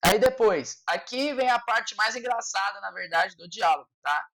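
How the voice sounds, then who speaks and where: A Brazilian woman teaching a French lesson online, explaining patiently and ending nearly every point with a quick "tá?". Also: mid-range voice, fairly bright tone, low-quality recording. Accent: Brazilian Portuguese.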